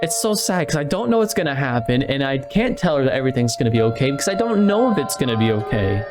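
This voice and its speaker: Chatty, emotional gamer with a lively voice. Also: medium pitch, fast, music in the background. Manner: emotional, talks to the game characters; chatty and rambling. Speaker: let's play gamer. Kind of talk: casual game commentary.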